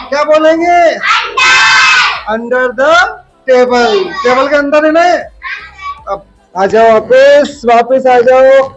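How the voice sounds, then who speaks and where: A woman's voice: high-pitched, dull audio. A woman teaching a grammar lesson to young children, drawing out words and asking the class questions. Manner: slow, drawn-out teacherly calls and questions to the class.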